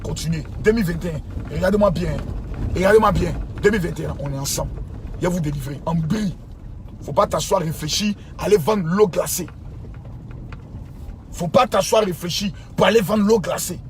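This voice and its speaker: A man with a high-pitched voice preaches a fiery, scolding rant at his followers. He hammers the same phrases again and again, dropping to a mutter and then bursting into shouts. Faint traffic hums behind him. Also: normal speed. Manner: scolding, repetitive, swings from low mutter to shouting. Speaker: pastor.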